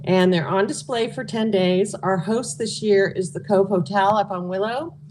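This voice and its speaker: A woman's voice: medium pitch, normal speed, a little mellow. Informal woman interviewee over noticeable background noise. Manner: informal, candid. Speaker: interview guest, local food and beverage nonprofit organizer. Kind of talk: casual interview answers.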